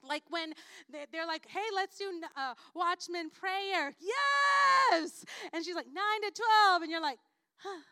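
A woman from Puerto Rico preaching a sermon as a guest speaker, lively and playful, acting out the voices of the people in her stories. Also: extremely high pitch, a little slow, no echo, clean studio sound.

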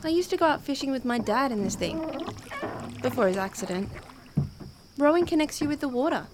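A woman's voice: high-pitched, lively intonation, brisk, noisy background. A young woman playing a seventeen-year-old girl, teasing on a boat at night, in a radio drama. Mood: playful. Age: teens.

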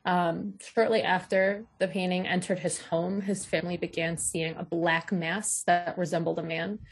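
A woman's voice: on the low side, normal speed, creaky, slightly rough. Woman telling a ghost story on radio. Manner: relaxed, hesitant with many "um"s.

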